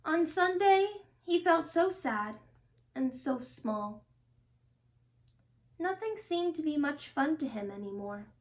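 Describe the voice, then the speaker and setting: A woman with a high voice reads a children's picture book aloud, using an expressive, deliberate storytelling manner.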